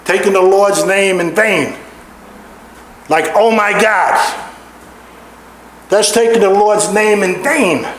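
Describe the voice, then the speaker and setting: A man's voice: high-pitched, slow pace. A middle-aged man preaching a sermon in a church, stressing and repeating his key words. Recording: roomy echo in a large hall.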